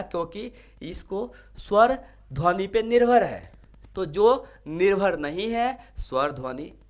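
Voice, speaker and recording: A male teacher giving a classroom lecture, explaining step by step and checking in with his students. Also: fairly high pitch. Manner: explanatory, asks students rhetorical check-in questions.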